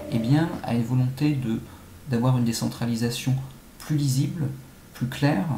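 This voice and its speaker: Being interviewed as an academic authority, this mid-range-voiced man answers in a measured, analytical way, though his phrasing halts at times. Echo fills the room, and the background noise runs from faint to clear.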